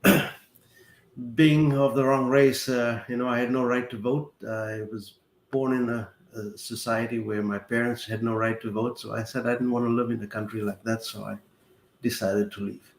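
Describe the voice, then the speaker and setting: A man in his sixties from South Africa, a guest accountant explaining finances in a measured way, walking through worked examples. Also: medium pitch, little pitch movement. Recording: roomy echo with faint ambient noise.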